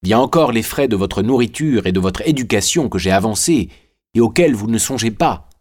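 A stern, money-grasping old carpenter father, read by a male narrator in a low voice close to the narration. He speaks in a flat, demanding way. The voice belongs to a storybook character. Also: a little fast.

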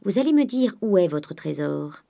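A woman's voice: on the low side, sing-song, moderate pace, creaky, mellow. Woman reading as greedy old miser father. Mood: angry. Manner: wheedling then blustering.

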